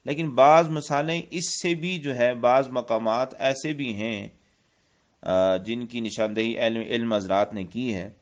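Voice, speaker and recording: A man's voice: mid-range voice, dull audio. A man with a Pakistani Urdu accent giving a religious lesson on Quranic script, explaining step by step, repeating points and reciting Arabic verses. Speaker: Quran teacher.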